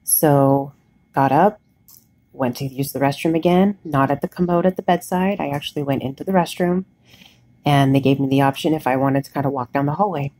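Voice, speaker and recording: A woman recording a casual, candid video diary, sounding weak and worn out after surgery, talking haltingly. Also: sits low, fairly even intonation, dark tone, no echo. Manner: candid, plain-spoken. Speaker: patient vlogger recording a recovery diary. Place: hospital bed, indoors.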